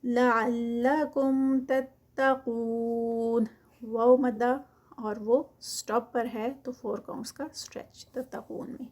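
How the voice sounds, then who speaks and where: Woman teaching recitation, fairly high voice. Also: steady tone, mellow, slightly rough. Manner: alternates slow drawn-out recitation with quick explanations. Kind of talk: tajweed lesson with slow recitation.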